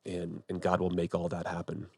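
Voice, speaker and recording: Low-voiced pastor chatting on a podcast. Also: male voice, completely flat delivery, moderate pace, gravelly, a little mellow, slightly rough, no room sound, clean studio sound. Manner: conversational, repeats words as he thinks. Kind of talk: casual podcast conversation. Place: studio room with podcast team.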